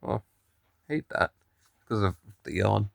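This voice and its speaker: In studio-quality sound with no room echo, a young vlogger from Ireland chats and rambles to camera, frequently starting sentences over. His mild Irish accent comes through a lowish, gravelly voice that is expressive and slow-paced.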